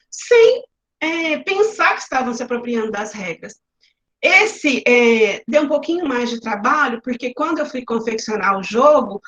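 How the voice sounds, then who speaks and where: A woman's voice: high-pitched, a bit bright. A woman teacher with a Brazilian Portuguese accent, presenting classroom activities in an online lecture and explaining them step by step with examples. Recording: roomy, slightly muffled webinar audio.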